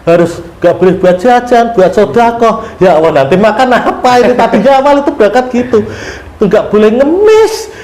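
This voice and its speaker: A man telling a long story in a casual interview, animated, often laughing and acting out his prayers. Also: high-pitched, moderate pace, hardly any pauses. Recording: roomy room with faint ambient noise.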